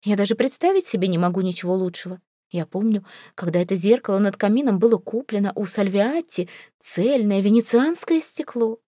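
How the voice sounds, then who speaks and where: A woman's voice: medium pitch, brisk, warm tone, dry recording, natural voice. Fretful, tearful older mother-in-law in an audiobook, read by a woman, sighing and plaintive, close and dry. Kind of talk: audiobook character reading.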